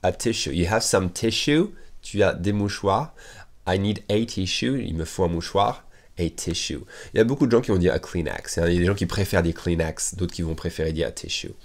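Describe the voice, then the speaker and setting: Low-voiced man teaching English. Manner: repeats English phrases slowly, then explains in French; lively, with sudden rises in pitch and loudness. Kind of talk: video language lesson.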